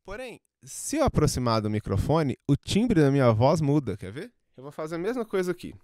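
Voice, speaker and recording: A man's voice: on the high side, very animated, fairly quick, a little mellow, no echo. A man teaching microphone technique and moving around the mics as he explains, so his level and closeness keep changing. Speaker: audio tutorial host. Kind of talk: hands-on demonstration. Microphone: studio microphones at shifting distances.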